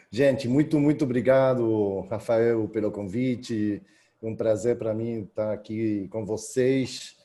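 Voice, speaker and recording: A man's voice: on the low side, takes it slowly, warm tone. A man from Argentina with an Argentine Spanish accent, speaking Spanish-tinged Portuguese as a joking, hesitant guest researcher in a seminar held over a video call.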